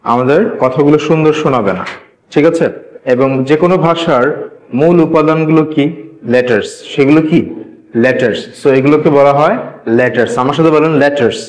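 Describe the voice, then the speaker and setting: A man teaching a spoken English class, drilling the alphabet slowly and having learners repeat after him. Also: on the high side. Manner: slow, deliberate, repeats each letter for learners. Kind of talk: classroom lesson, call-and-response drilling. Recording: echoey room.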